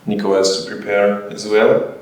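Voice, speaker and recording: A man speaking English as a guest at a festival talk, halting and full of fillers as he looks for words. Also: lowish voice, monotone. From Germany. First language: German. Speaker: band member, guest. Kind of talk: casual panel interview. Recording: echoey hall, distant mic, faint noise.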